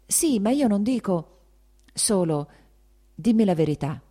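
A woman's voice: mid-range voice, lively intonation, measured pace, dark tone, pitched above the performer's own voice. Dolly, a woman voicing a patient elder sister. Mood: soothing. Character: older married sister, gentle and patient. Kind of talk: audiobook dialogue acting.

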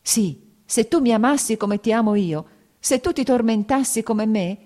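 A woman's voice: fairly high pitch, moderate pace, mellow, pitched above the performer's own voice, close to an everyday voice. A woman doing a tearful, anguished noblewoman. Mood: pleading. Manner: pleading, tearful outbursts. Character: anguished jealous young noblewoman.

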